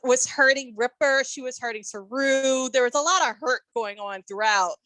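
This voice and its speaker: A woman co-hosting a podcast, reviewing an episode in casual chat, thoughtful and halting with many ums and restarts. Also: sits high, bright, forceful tone, no echo. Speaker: podcast co-host.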